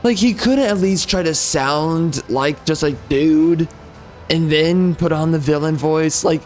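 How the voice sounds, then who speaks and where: A man streaming a video game with casual, slangy commentary and halting asides. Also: fairly high pitch, faint music behind.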